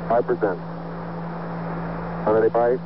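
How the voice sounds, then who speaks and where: A man's voice: lowish voice, steady tone, measured pace. A man, an astronaut, giving terse, clipped flight callouts over crackly, breaking-up space radio. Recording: noisy lo-fi archive space radio.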